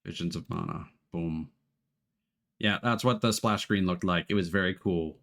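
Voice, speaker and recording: Speaking at a moderate pace, this man has a low, gravelly voice with a fairly bright tone. Indoors at his computer, the live streamer chats with his audience while getting a game stream ready, musing aloud in casual gamer slang, swearing now and then, close to his desk microphone.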